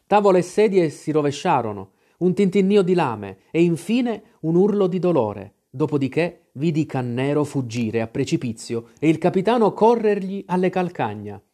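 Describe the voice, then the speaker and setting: A man narrating an adventure story with dramatic storytelling flair. His pitch moves in lively arcs across each sentence. The voice is dark and mellow, sitting a bit high for a man. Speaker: audiobook reader. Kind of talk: scripted narration.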